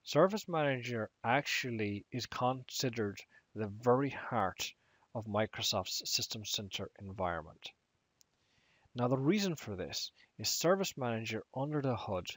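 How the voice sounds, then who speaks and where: A man giving a technical training lecture on IT management, speaking in a measured way and slowing down to stress key words. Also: on the low side, fairly bright tone, no room sound.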